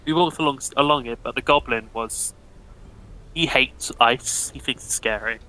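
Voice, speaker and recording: Hombre de voz muy brillante, resumiendo una partida de rol con humor seco. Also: male voice, medium pitch, moderate pace, poor audio. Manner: deadpan, profane joking. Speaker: player. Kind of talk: recapping a tabletop session.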